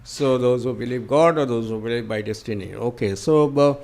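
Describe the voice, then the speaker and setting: A man answering audience questions at a conference, speaking haltingly with many fillers and restarts. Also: medium pitch, vocal fry, darkish tone.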